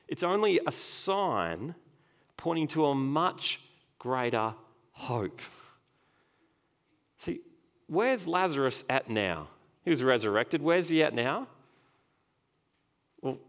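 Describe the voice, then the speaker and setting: A man preaching a sermon with a dynamic delivery. His voice sits at an ordinary middle pitch. He moves from hushed, tender passages to loud, energetic reading of scripture. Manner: dynamic preaching, dropping soft then rising loud on scripture. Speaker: pastor.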